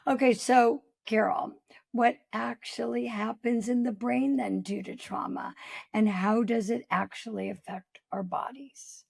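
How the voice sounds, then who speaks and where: A woman co-host with a somewhat high but heavily creaky, husky voice. She briskly moves the conversation on to the next question. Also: steady tone, darkish tone, dry recording. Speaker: podcast co-host. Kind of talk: podcast interview.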